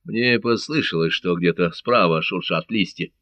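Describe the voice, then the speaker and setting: A man's voice: sits low, moderate pace, no room sound, muffled recording, natural voice. A man reading a cautious, respectful sailor in an audiobook, voicing careful warnings. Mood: wary. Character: wary male sailor from Catalonia, cautious, respectful.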